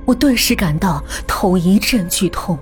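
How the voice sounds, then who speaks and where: A woman narrating an audio story in a soft, unhurried storytelling manner. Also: mid-range voice, animated, faint music behind.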